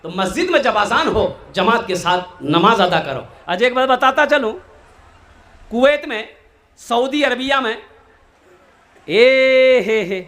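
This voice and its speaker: A male preacher with a high voice delivers an animated sermon to a gathering and keeps urging the listeners to answer him. His voice echoes through a roomy hall. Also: measured pace. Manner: animated, calls for the crowd to answer back. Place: religious gathering.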